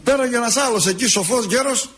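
A man preaching a sermon as an Orthodox preacher, telling stories in an expressive, drawn-out way. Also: extremely high pitch, a little hiss or hum. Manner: expressive, drawn-out storytelling delivery.

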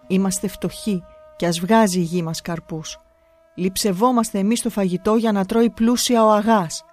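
A woman's voice: mid-range voice, a little mellow, close to an everyday voice. Storybook boy, defiant but scared, pleading hard; woman reader. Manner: earnest, vehement pleading.

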